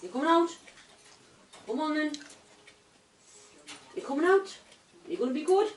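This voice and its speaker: A woman's voice: high voice, expressive, moderate pace, a little hiss or hum. Woman cooing baby talk to a pet. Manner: coaxing sing-song baby talk. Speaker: pet owner. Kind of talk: casual chat to a pet bird. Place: indoors at home.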